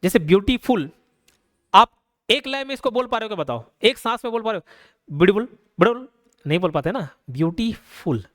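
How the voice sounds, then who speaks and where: A male teacher giving a casual, conversational grammar lesson. He keeps asking rhetorical questions and slows down to spell out each example. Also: high voice, animated, sharp tone, no echo, clean studio sound. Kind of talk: casual classroom explanation.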